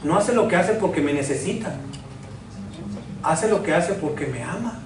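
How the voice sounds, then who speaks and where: High-voiced pastor preaching. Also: male voice, expressive, normal speed, background noise. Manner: preaching with repeated rhetorical questions and call-and-response. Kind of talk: sermon. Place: church sanctuary. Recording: echoey church from far off.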